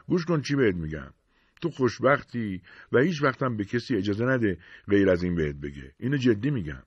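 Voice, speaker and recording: A man voicing an easygoing, friendly hunting buddy who talks in a relaxed, reassuring way, in an audiobook reading. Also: fairly low pitch, slightly rough, no echo, muffled recording, voice pushed up.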